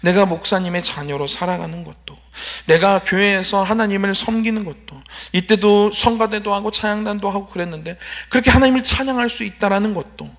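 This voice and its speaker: High-voiced man preaching a sermon. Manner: personal storytelling with emphatic polite endings and rhetorical questions. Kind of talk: evening church sermon. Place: church sanctuary.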